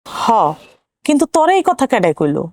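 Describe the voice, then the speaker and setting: A high, lively voice belongs to an aging village mother in a TV drama. She grumbles and laments. Her complaints rise and fall sharply, recorded close and dry. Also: brisk, dry recording. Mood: resigned. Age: older. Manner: bitter, complaining, fatalistic. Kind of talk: TV drama acting.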